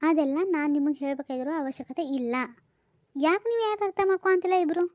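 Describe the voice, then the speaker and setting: A sharp, indignant young office woman in a cartoon comedy, speaking with a North Karnataka Kannada accent. The voice is very high and brisk, with a scolding edge. It is recorded close and dry. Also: expressive, dry recording.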